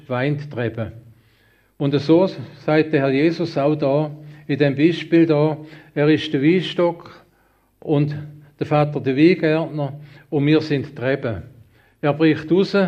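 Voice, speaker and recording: A middle-aged man preaching a sermon in a plain, homely storytelling way, with halting restarts. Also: on the high side, darkish tone. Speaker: lay preacher. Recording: dull lo-fi recording.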